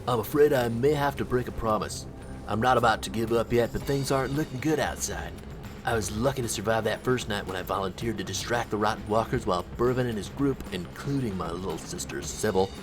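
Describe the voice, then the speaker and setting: A brave young frat-bro soldier reads out his last farewell note, voiced by a man. His voice sits a little low. Game music plays clearly behind him. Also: fairly quick, close to an everyday voice. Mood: resigned. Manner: reading a farewell note in character. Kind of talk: in-game lore note read aloud.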